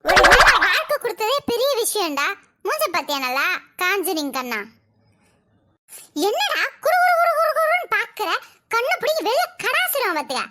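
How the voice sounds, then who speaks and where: A very high, sassy cartoon wife, played by a woman, firing quick insulting retorts. Loud noise runs behind her voice. She stays defiant and cheeky. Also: big pitch swings. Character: cheeky defiant young wife, sharp-tongued.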